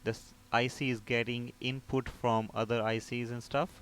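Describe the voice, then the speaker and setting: Medium-pitched, level in tone, and fairly bright, this man talks at normal speed while giving an informal step-by-step technical tutorial. He's a repair technician instructor who explains by asking questions and answering them himself, recorded against a clear background.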